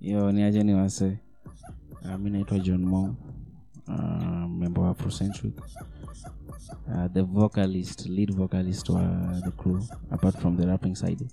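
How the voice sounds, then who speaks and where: A man's voice: low-pitched, flat delivery, a little slow, vocal fry, warm tone, soft background music. A young man with a Kenyan accent, chatting casually and in slang as a singer being interviewed. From Kisumu, Kenya. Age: young adult.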